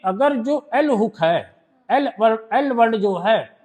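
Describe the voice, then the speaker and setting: The audio is dull, but the man's very high, slightly mellow voice has lively intonation. With an Indian accent, he teaches a shorthand class step by step, reading rules slowly in English, explaining them in Hindi, and often making sure students have understood.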